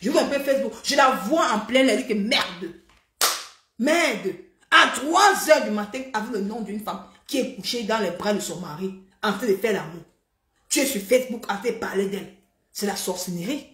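A woman hosting a live stream, talking in an animated, mocking, repetitive way. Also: medium pitch, moderate pace, roomy sound. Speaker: livestream host. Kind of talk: heated live-stream rant.

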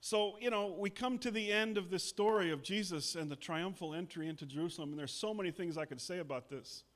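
High-voiced pastor preaching in two languages. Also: male voice, normal speed, a bit bright. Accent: South Texas Spanish. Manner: repeats each point in both languages, leads call-and-response. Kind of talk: bilingual sermon, Spanish then English. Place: church.

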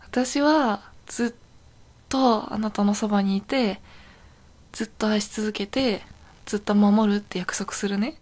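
A woman's voice: medium pitch, fairly even intonation, unhurried, darkish tone, lightly acted. A woman playing a young, possessive yandere girlfriend in an intimate role-play audio drama, sounding sweet, clingy and eerily obsessive.

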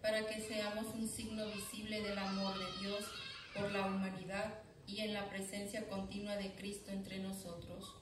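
A woman reading the prayer intentions as lector in a church sanctuary, in a steady, even reading. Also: medium pitch, normal speed. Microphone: far camera. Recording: echoey church from far off, background noise.

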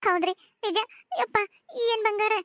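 A woman's voice: very high-pitched, steady tone, a little slow, fairly bright tone, no echo, clean studio sound. A woman voicing a doting older village mother with a North Karnataka accent, tearful and pleading, in a cartoon. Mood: tearful joy. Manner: pleading, emotional. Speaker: voice actor. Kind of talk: cartoon voice acting.

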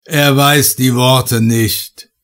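A man's voice: mid-range voice, fairly even intonation, extremely slow, fairly bright tone. A man voicing an ancient living stone idol that speaks with a thundering, cold and scornful voice. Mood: booming, scornful.

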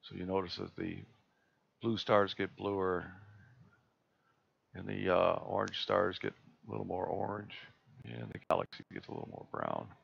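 A man presenting a live screen-share tutorial on a video call, talking in a relaxed, halting way with many fillers and restarts. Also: sits low, creaky, breathy edge, dry recording. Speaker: astronomy club presenter. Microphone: computer mic on a video call. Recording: dull lo-fi video call audio.

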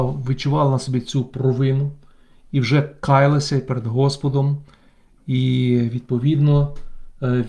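A man, a bishop, giving a remote Bible lesson. He reads Greek words aloud and explains each one slowly, pausing often. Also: medium pitch, vocal fry, dark tone. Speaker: bishop teaching Bible study.

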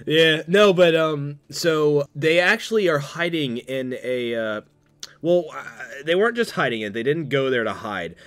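A man's voice: fairly high pitch, lively intonation, unhurried, a bit bright, dry recording. A young man chatting as a podcast guest, recapping a film in a rambling way with many restarts and frequent laughter. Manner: rambling, full of fillers and restarts, laughs often. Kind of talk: casual movie recap chat.

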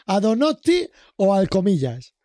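A man with a Murcian accent co-hosting a podcast, playful and mock-indignant. His voice is high yet mellow, and the sound is dry and close. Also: huge pitch swings, a little slow, dry recording. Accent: Murcian Spanish. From Murcia, Spain. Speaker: podcast co-host. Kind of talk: casual chat.

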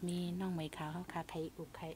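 A woman hosting a casual radio talk show, giving reflective and gentle advice. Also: fast talker, a little hiss or hum. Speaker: radio host.

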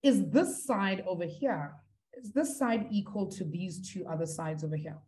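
Mellow woman teaching maths. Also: fairly low pitch, normal speed. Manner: encouraging, talks to students through the chat. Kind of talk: live online maths lesson.

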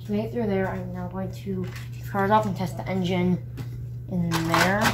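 A woman's voice: on the low side, steady tone, moderate pace. A woman hosting a hobby video, chatting casually at home in a rambling, giggly way with many fillers. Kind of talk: casual chat while working on a hobby. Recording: noticeable background noise.

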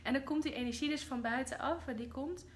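Expressive Dutch woman livestreaming. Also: high voice, a little fast, a little hiss or hum. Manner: expressive, swings from loud outbursts to soft whispers, mixes English phrases. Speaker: livestream host. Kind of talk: casual spiritual livestream talk.

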